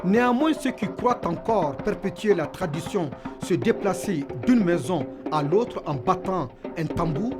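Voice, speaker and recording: High-pitched man narrating over music. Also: expressive, measured pace, hardly any pauses. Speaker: reporter narrating a cultural feature. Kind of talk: scripted documentary narration. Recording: music behind the voice.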